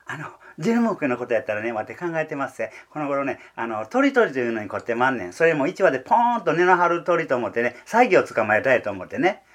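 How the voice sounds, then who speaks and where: A man's voice: mid-range voice, very animated, fast talker, hardly any pauses, fairly bright tone. A man voicing a carefree, foolish young idler who rambles cheerfully in a Kansai accent, in rakugo storytelling. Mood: eager rambling. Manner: rambling, cheerful, full of fillers.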